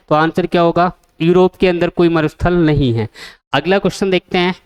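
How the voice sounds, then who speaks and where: A man's voice: high-pitched, smooth. A man teaching an exam-prep geography lesson, asking the class questions and repeating the answers. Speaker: coaching teacher.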